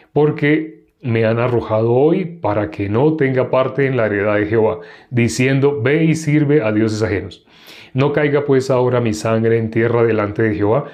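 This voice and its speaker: A man reading the part of David, a young warrior pleading with a king, in a slow, measured, earnest way. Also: mid-range voice, darkish tone, natural voice.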